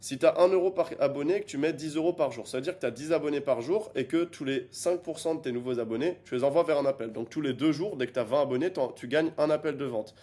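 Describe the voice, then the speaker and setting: A young man giving an energetic online business lesson as a coach, emphatic and repeating points for stress. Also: on the high side, fast, few pauses.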